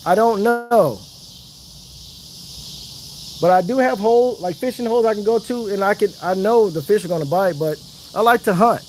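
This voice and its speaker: A man's voice: high voice, normal speed, long pauses, darkish tone, a little hiss or hum. A man chatting casually on a fishing livestream outdoors, hyping up his viewers. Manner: chatty, hypes up viewers, Southern slang. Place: outdoors by the water.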